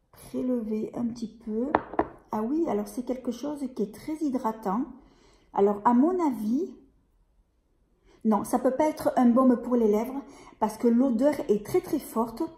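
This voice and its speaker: A woman's voice: on the high side, mellow. Hesitant woman unboxing beauty products. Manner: hesitant, many fillers and restarts. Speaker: beauty vlogger. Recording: echoey room.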